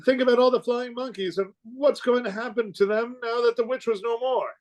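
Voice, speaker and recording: A man's voice: extremely high pitch, fairly even intonation, brisk, poor audio. A man playing an earnest, flustered, kindly Scarecrow in an amateur radio play, with a hesitant, stammering delivery.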